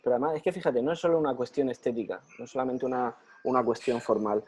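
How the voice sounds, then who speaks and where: A Spanish man speaks with a Spanish accent at a medium pitch, talking fast with fairly even intonation and a slightly mellow quality. After a lecture, he gives an enthusiastic answer over a video call, repeating phrases for emphasis. The call audio is muffled, with slight background noise.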